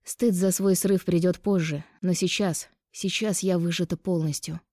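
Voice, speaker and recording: A woman's voice: fairly low pitch, fairly even intonation, moderate pace, dark tone, dry recording, clean studio sound. A woman narrating a first-person novel as an audiobook, with intense, emotional delivery.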